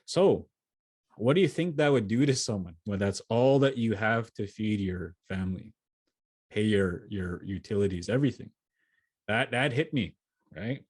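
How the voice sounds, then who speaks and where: A man's voice: on the low side, lively intonation, normal speed, a little mellow, husky, no echo. A man giving a motivational keynote from his home setup over a video call, speaking earnestly and often restarting and repeating his words. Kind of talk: motivational talk answering questions.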